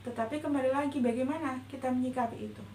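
A woman with a high voice gives a gentle, measured religious talk in a roomy indoor space. A faint hum sits under her voice, and the sound has some echo. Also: fairly even intonation. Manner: gentle, reflective, measured delivery. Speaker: religious teacher. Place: indoor room before a patterned cloth backdrop.

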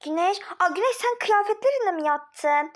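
A woman's voice: very high-pitched, expressive, normal speed, pitched above the performer's own voice. Woman playing frantic, flustered older sister. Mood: bossy. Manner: frantic, talks to herself, repeats words. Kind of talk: homemade mini-series role-play.

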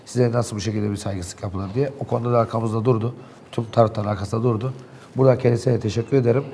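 A man's voice: mid-range voice, steady tone, fast, warm tone, slight background noise. A man in a local TV studio, animatedly and indignantly recounting events in heated talk.

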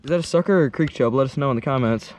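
Excited young man fishing a river. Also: medium pitch, very fast, background noise. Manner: excited, chatty, talks to fish while unhooking. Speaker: fishing vlogger. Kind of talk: casual fishing vlog commentary. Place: rocky riverbank outdoors. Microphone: head-mounted action camera.

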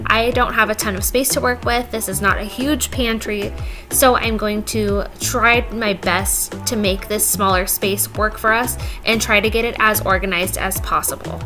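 A young woman narrates her home cleaning vlog in a steady, medium-pitched voice at moderate speed. She sounds chatty and upbeat, making jokes about herself, while loud background music plays under the voice-over.

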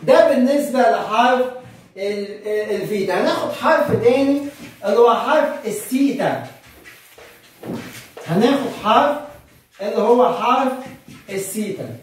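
A monk priest with an Egyptian accent teaching a beginner language lesson. He asks his class questions, answers them himself, and spells words out slowly, syllable by syllable. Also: very high-pitched, lively intonation. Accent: Egyptian Arabic. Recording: very echoey room, far from the mic.

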